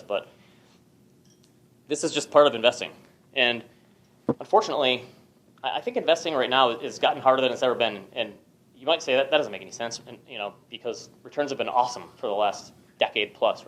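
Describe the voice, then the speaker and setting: A man giving a conversational talk on investing to an audience, with quick restarts and frequent "right?" checks. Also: mid-range voice, a bit bright. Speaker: speaker at an economic club. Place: lecture venue with an audience.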